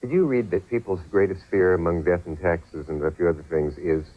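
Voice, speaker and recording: Fast-talking deep-voiced male host, husky. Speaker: infomercial host. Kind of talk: interviewing. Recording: dull 1990s TV audio.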